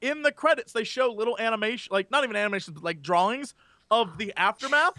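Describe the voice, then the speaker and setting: A man's voice: high-pitched, animated, fast talker, bright, forceful tone, no room sound. A man co-hosting a podcast, telling things casually in an emphatic, mocking way. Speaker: podcast co-host. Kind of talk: casual chat.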